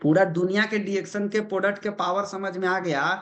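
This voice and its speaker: A man's voice: sits high, steady tone, a little fast. A man giving a motivational business seminar as a trainer, putting questions to the crowd and answering them himself. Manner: repeats key points with emphasis.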